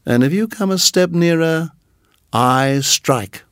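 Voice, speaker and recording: A man's voice: fairly high pitch, lively intonation, smooth, no room sound, studio quality, pitched above the performer's own voice. A man voicing Nagaina, a hissing vengeful cobra. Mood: menacing. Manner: menacing, slow and drawn-out. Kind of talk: storybook reading.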